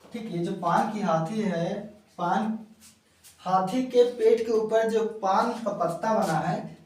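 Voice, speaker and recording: A male teacher giving a classroom lecture, going slowly and repeating key words one at a time so students can write them down. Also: high-pitched, darkish tone. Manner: slow, repeats key words for note-taking. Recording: echoey room, mic far off.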